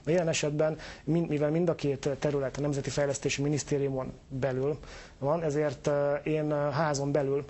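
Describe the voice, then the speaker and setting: A man's voice: a little high, little pitch movement, dark tone. A man answering interview questions as a government official, hesitant and full of filler sounds.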